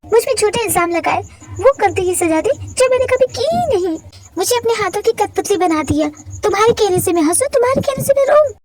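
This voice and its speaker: Scared young wife played by a woman in a fanfic audio drama, super high voice, fights back then goes soft. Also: expressive, fairly quick. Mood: defiant. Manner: tearful and defiant, later sweet and yielding. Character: frightened young wife fleeing her husband. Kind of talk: Hindi fan-fiction audio drama.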